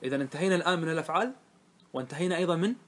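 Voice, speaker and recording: A man's voice: a little high, very fast. Man teaching a grammar lesson. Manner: explains step by step, often checks with "clear?"; asks the class questions and answers them himself.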